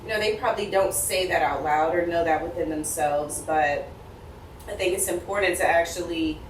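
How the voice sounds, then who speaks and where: Female podcast co-host, low and thoughtful, filler-heavy, distant echoey mic. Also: moderate pace, a little hiss or hum. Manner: reflective, many fillers. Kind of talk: casual chat. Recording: roomy echo, distant mic.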